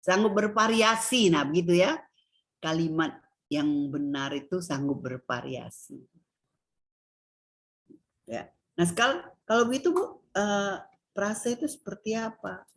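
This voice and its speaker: Woman lecturer, husky, low voice, quizzes the class. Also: unhurried, long pauses. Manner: questions students, stresses words with rising pitch. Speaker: university lecturer. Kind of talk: classroom lecture on Indonesian grammar.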